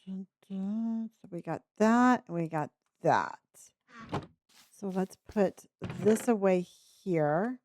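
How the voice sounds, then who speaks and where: A woman live streaming a game with casual, halting commentary, thinking aloud, with a speech impediment that turns her r's into w's. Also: fairly low pitch, animated, a little mellow, dry recording. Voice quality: speech impediment, cannot pronounce R's, says w for r.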